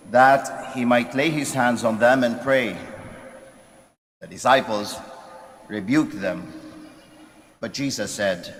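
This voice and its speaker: A man's voice: mid-range voice, fairly bright tone, a little hiss or hum. Brief: filipino priest, homily, long church reverb, mid-range male voice. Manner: switches between English and Tagalog, stresses key words. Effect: cathedral echo. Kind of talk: gospel reading and homily.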